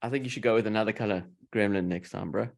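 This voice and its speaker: A man's voice: on the low side, rapid-fire, vocal fry. A man with a South African English accent hosting a casual interview, playfully teaching slang. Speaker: host.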